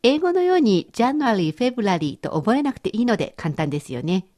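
A woman teaches a radio language lesson in a bright, high, sing-song voice that rises and falls a lot, speaking at normal speed. She is friendly and instructive, explaining each point patiently and clearly.

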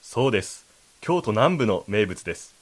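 A man's voice: on the low side, big pitch swings, moderate pace. A man co-hosting a language lesson, explaining and rephrasing lines in a polite, explanatory manner. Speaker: co-host.

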